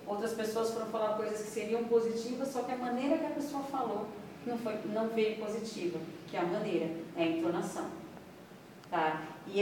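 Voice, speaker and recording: In a classroom lecture, a woman instructor teaches conversationally and keeps checking in with those listening. Her medium-pitched voice is a little mellow. The recording picks her up from a distance in an echoey room, with slight hiss or hum.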